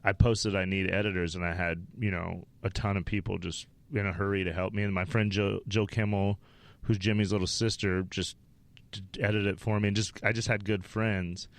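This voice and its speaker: Gravelly low-voiced man spinning profane anecdotes. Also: flat delivery, normal speed. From Wyoming. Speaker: stand-up comedian guest. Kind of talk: casual interview storytelling.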